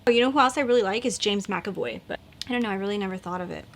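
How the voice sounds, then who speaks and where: Talking very fast at a medium pitch with a fairly bright tone, a woman in her thirties does her makeup on camera. As a beauty vlogger, she rambles casually, full of likes and fillers.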